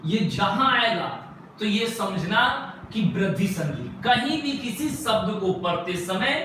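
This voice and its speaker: A man with a very high voice gives a classroom grammar lecture. He keeps firing questions at the class and answering them himself, and he draws out single sounds as he spells words. He is far from the mic in a very echoey room with faint noise behind him. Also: animated, slow pace, bright, forceful tone. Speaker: Hindi grammar teacher.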